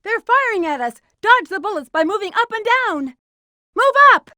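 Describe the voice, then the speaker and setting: Rouge the Bat, very high-voiced sassy game heroine. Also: female voice, animated, normal speed, sharp tone, no room sound, studio quality, full character voice. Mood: urgent. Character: flirty, cool-headed female bat treasure hunter, adult. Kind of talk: video game voice acting, short in-game hints and callouts.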